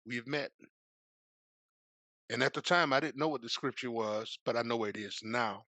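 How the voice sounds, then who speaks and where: A middle-aged man, a preacher appearing as a guest, telling a personal story with lively energy and moving into a preaching cadence. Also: medium pitch, brisk, no echo. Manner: lively, acts out the voices in his stories.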